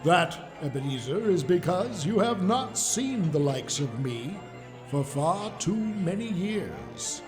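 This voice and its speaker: An actor playing a jovial, commanding Christmas spirit in a radio play, with theatrical, drawn-out calls. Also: male voice, high voice, very animated, over music, full character voice.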